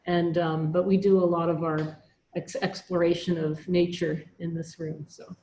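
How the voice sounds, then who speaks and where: A woman speaking over a video call from a school lab, her voice low-set and mellow. She reflects on her work, pausing often with fillers and restarting her sentences. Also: level tone, slight background noise. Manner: hesitant, many fillers and restarts. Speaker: teacher and religious sister.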